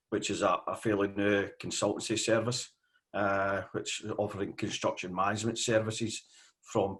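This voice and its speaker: Scottish man, fifties, lowish voice, casual interview guest, halting delivery. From Scotland. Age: 50s. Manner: hesitant, with frequent fillers.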